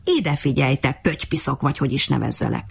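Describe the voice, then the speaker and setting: A woman's voice: very deep voice, vocal fry, slightly rough, exaggerated voice. A woman voicing a boastful, arrogant male monkey in a storybook reading, mocking and bossy. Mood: indignant.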